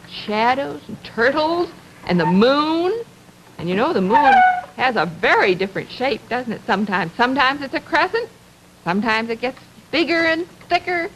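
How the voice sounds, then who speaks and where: A woman hosting a children's TV show from the 1950s, talking slowly and coaxingly to young viewers and asking them lots of questions as she demonstrates things. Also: a little high, poor audio. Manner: slow, coaxing, asks many questions of the viewer. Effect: 1950s TV broadcast sound. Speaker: children's TV host. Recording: old 1950s TV broadcast, faint hiss.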